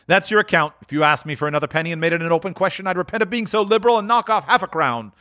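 A man's voice: high voice, rapid-fire, bright, forceful tone, no echo, clean studio sound, voice pushed up. A man reading aloud, voicing a sly, jovial old pawnbroker near seventy with a cackling, wheedling voice. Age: older.

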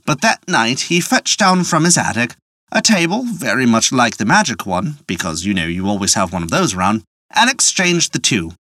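A storyteller narrating a folk tale, the voice roaming far up and down in pitch. The tone is playful and dotted with wry asides. The sound is close and dry. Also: very animated, moderate pace, sharp tone, no room sound.

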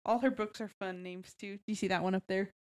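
A woman's voice: mid-range voice, steady tone, quick pace, clean tone, no echo, clean studio sound. Chatty, laughing woman co-host. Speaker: podcast co-host. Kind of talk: casual chat.

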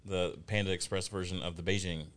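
A man with a fairly low voice co-hosts a casual podcast chat. He chimes in with quick jokes. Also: steady tone, fairly bright tone. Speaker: podcast co-host.

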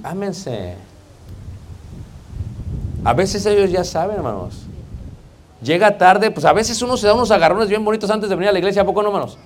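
There is slight background noise as this preacher, who has a Mexican Spanish accent, speaks at normal speed in a high-sitting, expressive voice with frequent pauses. He jokes and chats through the sermon, repeatedly addressing his listeners as brothers.

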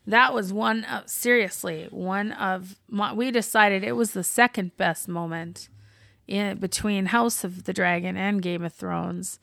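A woman co-hosting a podcast, excitedly recapping a TV episode in casual chat and swearing freely. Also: mid-range voice, a little slow, creaky, no room sound, clean studio sound. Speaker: podcast co-host.

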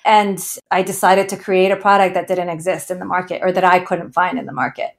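Speaking fairly quickly in a lowish voice with fairly even intonation, an Ecuadorian-born woman in her thirties earnestly shares her founder journey as an interview guest. Every so often she breaks into a laugh.

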